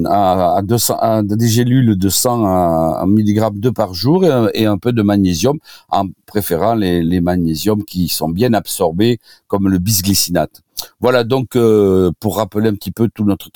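A man with a low, mellow voice, recorded dry and close. He talks like a doctor giving informal advice on a radio programme, feeling his way through phrases with repeats and restarts. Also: no echo. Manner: hesitant, halting, repeats and restarts words. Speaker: doctor, radio show expert guest.

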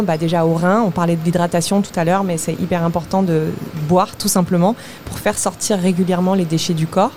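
A woman naturopath giving advice at a live talk, briskly listing foods and habits. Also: on the low side, mellow, slight background noise. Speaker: naturopath guest.

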